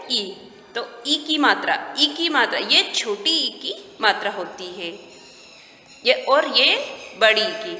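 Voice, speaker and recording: A woman teaching young children, reading words slowly and clearly one at a time. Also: fairly high pitch, bright, forceful tone. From India. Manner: slow, clear word-by-word dictation for young children. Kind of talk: primary school lesson. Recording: echoey room with long reverb.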